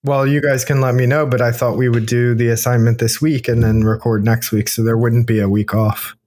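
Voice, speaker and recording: A man co-hosting a podcast in casual conversation, speaking in a hesitant, halting way. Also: mid-range voice, flat delivery, darkish tone. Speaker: podcast co-host. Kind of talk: casual chat. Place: unfurnished kitchen and dining area.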